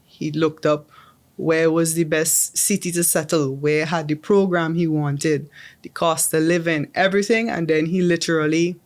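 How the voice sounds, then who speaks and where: Speaking in a low, darkish, steady voice at normal speed, a young Caribbean woman takes part in a casual interview as a chatty guest. Her sentences frequently restart with "um" and repeated words.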